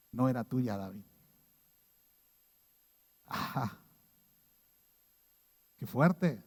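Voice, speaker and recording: A man's voice: a little high, creaky, warm tone, big-room sound. A man with a Mexican Spanish accent preaching a sermon as pastor, telling stories and acting out the people he quotes.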